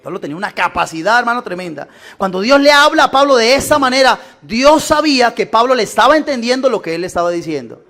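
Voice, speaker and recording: A man's voice: very high-pitched, expressive, fast talker, few pauses, a bit bright. A male Colombian pastor preaching a sermon, addressing the congregation with rhetorical questions and acting out the voices of people in his stories. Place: church gathering.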